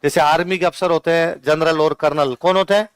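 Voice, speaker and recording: Speaking with a Rajasthani Hindi accent, a male teacher runs an exam-prep lecture where he keeps asking questions and answering them on his own. He dictates notes slowly, saying each line more than once, in a smooth, steady voice on the high side, recorded dry.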